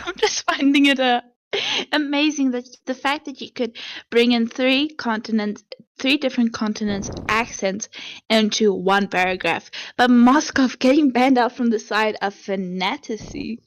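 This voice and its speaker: A woman's voice: on the high side, a little slow. A woman co-casting a live esports match, teasing her partner and giggling between remarks. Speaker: esports co-caster.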